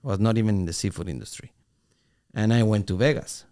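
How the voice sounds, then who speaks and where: A middle-aged man co-hosting a podcast, telling an animated story in casual talk with halting restarts. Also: fairly low pitch, clean tone. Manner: animated, acts out quoted voices, halting restarts. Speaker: podcast co-host.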